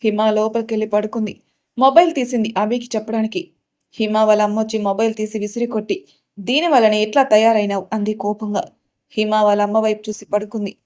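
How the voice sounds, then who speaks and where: A woman narrating a family story in a steady storytelling manner. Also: mid-range voice.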